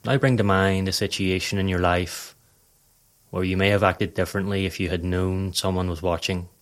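Reading a scripted guided meditation, a man with a deep voice keeps his delivery calm and measured. He offers each instruction in a composed, balanced way.

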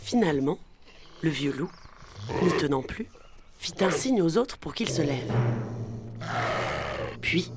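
A woman narrating a children's story in a gentle, measured way. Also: low-pitched, expressive. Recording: music playing underneath.

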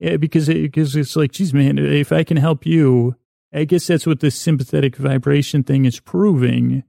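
A man hosting a sleep podcast speaks in a creaky, slightly high voice, warm and steady, at a moderate pace. He drifts through a hesitant bedtime monologue, often correcting himself, in a soothing, lulling manner. There's no echo and the quality is studio-grade.

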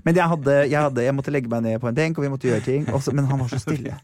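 A man's voice: mid-range voice, darkish tone, no echo. A man in his forties with a Northern Norwegian accent, a podcast co-host telling funny stories in casual chat, acting out lines and laughing often. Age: 40s. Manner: jokey storytelling, acts out quoted lines, laughs often.

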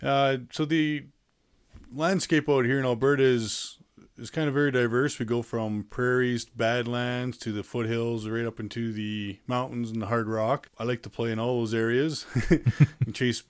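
A man with a Canadian accent talking casually as an interview guest, with a hesitant, halting delivery. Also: medium pitch, smooth. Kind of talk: casual personal storytelling.

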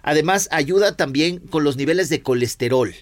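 A man with a Mexican accent giving an emphatic, persuasive radio infomercial pitch, stretching out key words. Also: moderate pace, no room sound. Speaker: product pitchman.

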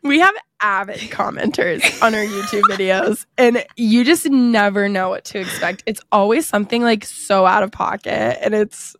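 A woman's voice: medium pitch, moderate pace, creaky, few pauses, a bit bright. A woman co-hosting a casual podcast with a sick, congested, scratchy voice, as if talking with her nose pinched. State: stuffed up from being sick. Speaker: podcast co-host. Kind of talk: casual chat.

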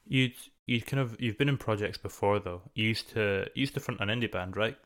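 A man's voice: lowish voice, brisk, fairly bright tone. A man interviewing a musician in a casual, curious way, asking follow-up questions.

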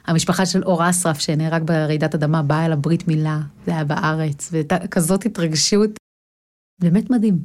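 A woman's voice: low-pitched, darkish tone. Woman telling a dramatic personal story. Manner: vivid, dramatic retelling with acted cries. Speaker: guest, Chabad emissary.

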